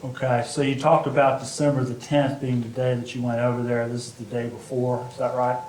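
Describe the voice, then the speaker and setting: A man working as a defense attorney, questioning a witness in an even, flat delivery with plain-spoken hesitations. The courtroom recording puts him some way off the mic in an echoing room, with a faint hiss underneath. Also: mid-range voice, a little fast. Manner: plain-spoken, a bit self-deprecating, hesitant fillers. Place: large courtroom. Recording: echoey courtroom audio from a distance, faint noise.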